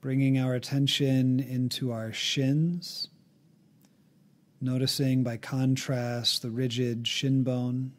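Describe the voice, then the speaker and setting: A man with a mid-range voice guides a meditation, calm and gently instructive throughout. Long pauses separate his phrases.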